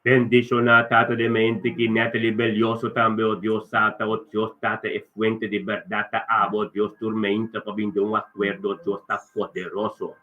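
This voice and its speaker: A man's voice: on the low side, flat delivery, normal speed, few pauses. A man pastor leading a fervent spoken prayer, chanting repeated refrains of praise. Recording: tinny phone-line sound.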